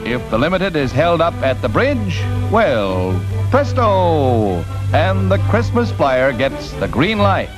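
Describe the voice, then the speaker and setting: A man delivers 1940s newsreel narration in a brisk, upbeat announcer manner. His voice sits a little high and swings widely in pitch. Loud music runs under the old newsreel soundtrack. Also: huge pitch swings, low-quality recording.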